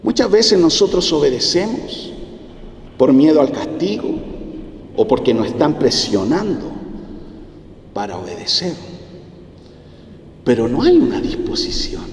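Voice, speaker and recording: A Chilean man preaching a sermon as pastor, with dramatic pauses and acted-out quotes. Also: sits high, a little hiss or hum. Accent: Chilean Spanish. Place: church hall. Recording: echoey church hall.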